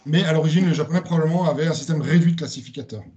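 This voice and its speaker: A man's voice: on the high side, racing, background noise. A man giving a spoken lecture presentation, hesitant, with many fillers and restarts.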